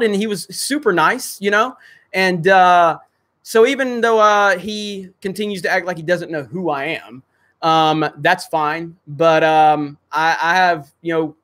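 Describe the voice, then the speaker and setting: In a fairly high, fairly bright voice, a man runs a casual livestream. He reads out super chats and viewer comments and responds, rambling with lots of filler words.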